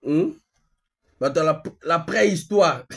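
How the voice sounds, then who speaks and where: Slow and animated, a Congolese activist hosts a live stream in colloquial speech, taking a phone call along the way. His husky voice, a little high and carrying a Congolese accent, presses insistently with repeated phrases and rhetorical questions.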